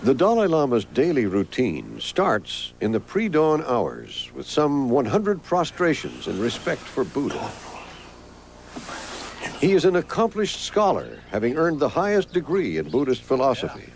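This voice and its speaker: Male documentary narrator with animated intonation. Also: mid-range voice, measured pace, gravelly, slight background noise. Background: music.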